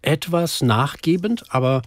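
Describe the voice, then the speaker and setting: A man's voice: fairly high pitch, animated, a little slow, dry recording, clean studio sound. A man hosting a radio show, talking playfully and joking while tasting food on air. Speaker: radio host. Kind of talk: casual radio conversation.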